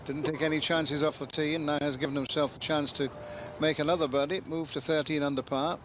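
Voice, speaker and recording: A man's voice: on the high side, flat delivery, a little fast. A man giving live golf commentary, describing each shot and score. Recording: very loud outdoor noise behind.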